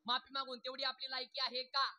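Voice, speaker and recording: A male kirtan preacher, telling jokey village stories and quizzing his crowd for loud answers. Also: extremely high pitch, completely flat delivery, brisk, soft background music. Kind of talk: humorous devotional kirtan sermon.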